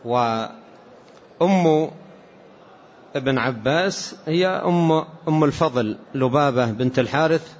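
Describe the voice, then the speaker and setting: A man teaching as a sheikh, explaining hadith in a measured way and repeating key points. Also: medium pitch. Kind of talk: religious lesson commentary. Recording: dull lo-fi lecture recording with faint hiss.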